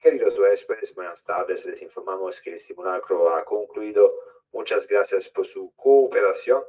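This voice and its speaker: A man making a polite, formal announcement over a ship's loudspeaker. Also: low-pitched, brisk. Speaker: ship announcer. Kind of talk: formal public address announcement. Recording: distant muffled loudspeaker in a cabin.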